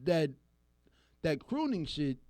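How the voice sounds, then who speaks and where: Man, podcast co-host, animated, laughing, lively pitch, dry close mic. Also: slow pace, no room sound. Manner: animated, laughs often, acts out quoted voices. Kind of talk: casual chat.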